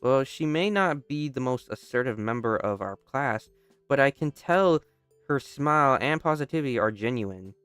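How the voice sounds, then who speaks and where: A man's voice: medium pitch, lively intonation, moderate pace, fairly bright tone, smooth, no echo, soft background music. A young man reading a story game aloud, casually stopping to joke and restart lines. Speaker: gamer. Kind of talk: casual let's-play narration.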